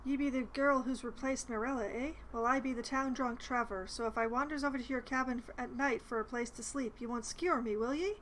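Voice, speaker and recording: A friendly village town drunk from a fantasy game, voiced by a woman. The voice is high, with folksy rustic phrasing and a wistful streak. Faint noise sits behind it. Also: a little fast, few pauses, fairly bright tone, rough recording. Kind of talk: reading video game dialogue aloud.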